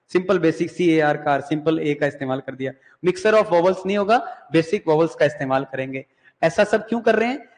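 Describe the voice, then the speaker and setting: A male English teacher lecturing a class. He asks and answers his own questions, repeats key terms, and reads English terms slowly before explaining them in Hindi. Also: a little high, long reverb tail.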